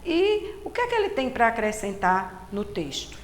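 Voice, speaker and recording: A woman's voice: fairly high pitch, sing-song, moderate pace. A woman teacher with a Brazilian Portuguese accent, giving a recorded lesson and explaining step by step, repeating key words patiently. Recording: roomy echo with faint background hiss.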